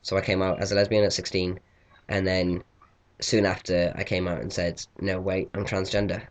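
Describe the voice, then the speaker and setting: A man's voice: sits low, little pitch movement, normal speed. A young man, telling a story in a casual, chatty vlog and swearing freely. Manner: chatty, swears freely, acts out quoted reactions. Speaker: vlogger.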